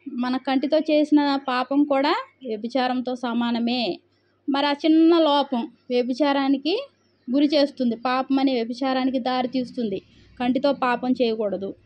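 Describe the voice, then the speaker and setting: A woman's voice: high voice, muffled recording. A woman preacher reading scripture aloud and explaining it, asking rhetorical questions and answering them herself. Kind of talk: Bible reading and sermon.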